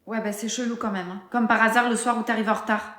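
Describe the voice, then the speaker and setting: A woman's voice: a little high, fairly even intonation, fast, fairly bright tone, close to an everyday voice. A synthetic-voiced fed-up young woman, roomy echo. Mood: suspicious. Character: fed-up, suspicious young woman, partner and mother. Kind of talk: scripted text-to-speech story dialogue.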